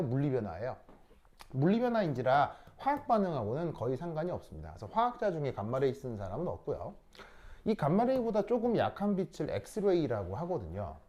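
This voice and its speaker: A man teaching a science class with a mellow, relaxed tone. His pitch swings up and down as he quizzes the room and teases his students, then drops low again. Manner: lively, teasing, asks students questions. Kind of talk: classroom lecture.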